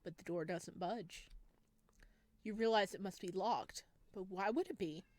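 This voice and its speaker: This woman speaks at medium pitch in an unhurried, slightly mellow way, with no room sound on the recording. She's playing a horror visual novel, voicing its second-person text and commenting to her audience between lines.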